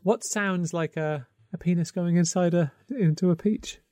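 A man's voice: high-pitched, steady tone, normal speed, mellow, no echo. A man co-hosting a podcast, talking casually and hesitantly about a film, with many ums and restarts. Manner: hesitant, full of ums and restarts, laughs often. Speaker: podcast co-host.

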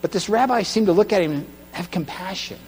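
A man's voice: high voice, lively intonation, a little fast, slightly rough. Dramatic male preacher in a reverberant hall. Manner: dramatic storytelling, swings from hushed to loud. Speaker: pastor. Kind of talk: sermon. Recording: long hall reverb with mains hum.

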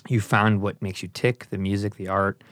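A man's voice: on the low side, fairly even intonation, moderate pace, a bit bright, no room sound, clean studio sound. A man in his early thirties from Chicago, hosting a casual chat, asking curious questions and joking. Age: 30s. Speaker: podcast host.

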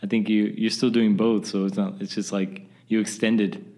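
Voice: mid-range voice, flat delivery, moderate pace, a little mellow. An interviewer in a casual conversation, encouraging the guest with frequent agreement and laughter. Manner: encouraging, backchannels a lot, laughs often.

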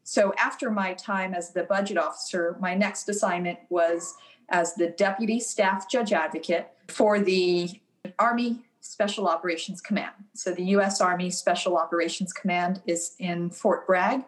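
Woman telling lively anecdotes. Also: on the low side, normal speed. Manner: anecdotal, laughs at her own stories. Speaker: interview guest, retired Army officer. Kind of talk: casual storytelling interview.

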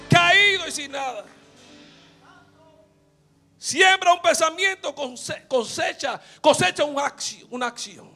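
Gravelly high-voiced shouting preacher. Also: male voice. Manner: shouting with fervor, repeated hallelujahs, swings to hushed storytelling. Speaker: pastor. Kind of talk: sermon.

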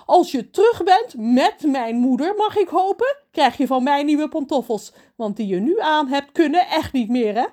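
A woman doing a shrill, posh mermaid lady. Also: expressive, moderate pace, hardly any pauses, mellow. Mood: cheery. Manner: high-pitched and theatrical.

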